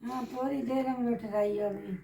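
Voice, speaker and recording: An older woman answering in drawn-out, sleepy short replies during a casual family chat. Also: on the high side, steady tone, creaky, mellow, breathy edge. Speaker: vlogger's mother-in-law.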